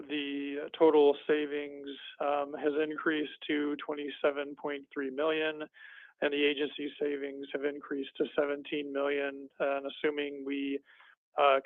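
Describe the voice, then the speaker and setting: A man presenting a finance report at a committee meeting, halting often with ums and uhs. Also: on the high side, no echo. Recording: tinny phone-like line.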